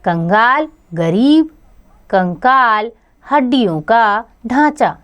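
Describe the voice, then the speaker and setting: Woman teacher, fairly high voice, measured dictation of words for schoolchildren. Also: animated. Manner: slow, measured word-by-word dictation. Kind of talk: reading a word list to children.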